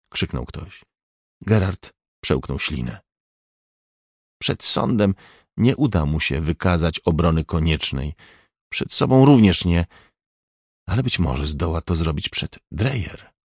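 A man reading an audiobook in a measured, even scripted narration. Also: low-pitched, vocal fry, slightly rough, dry recording, clean studio sound.

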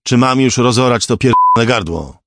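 A man voicing a desperate male killer who holds a hostage, shouting crude, frantic threats. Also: medium pitch, animated, moderate pace, pitched above the performer's own voice.

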